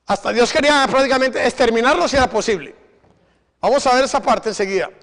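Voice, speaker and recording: A man's voice: very high voice, fast talker, fairly bright tone. A male preacher giving a sermon, exhorting his congregation and firing rhetorical questions at them. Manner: exhorting, repeats "imagine". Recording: long reverb of a hall.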